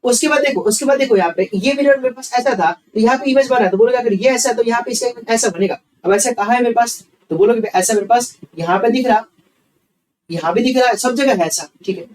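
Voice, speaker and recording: A man's voice: very high-pitched, fast, darkish tone, distant mic, low-quality recording. A man teaching reasoning. He works through sums aloud, asks questions and answers them himself, and keeps repeating each step. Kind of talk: online exam-prep class.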